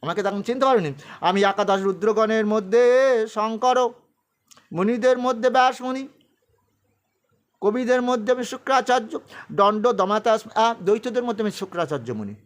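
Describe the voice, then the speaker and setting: A man doing a stern, commanding divine lord who makes solemn declarations within a spoken sermon retelling. The voice sits high and carries forward. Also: normal speed, pauses often, lightly acted.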